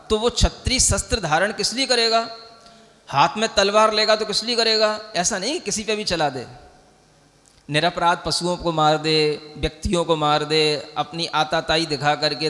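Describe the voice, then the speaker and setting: A man delivers a sermon as a monk, his voice pitched high for a man. He teaches plainly and keeps asking his listeners whether they follow. His words ring out with a long reverb, as if spoken in a large hall. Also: bright, forceful tone. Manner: mixes English words into Hindi speech. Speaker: Jain monk giving a discourse.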